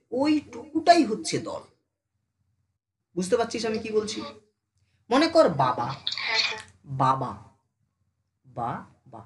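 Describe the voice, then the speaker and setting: A teacher giving a casual online class who speaks familiarly to the students, keeps asking if they follow, and slows down to sound out syllables one by one. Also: medium pitch. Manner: addresses students familiarly, asks them constant check questions.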